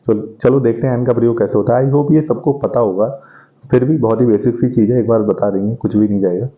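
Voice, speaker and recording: In a mid-range voice, a man explains English grammar step by step, answering the questions he puts forward. He slows down to read the English example sentences, and the recording sounds dull and lo-fi.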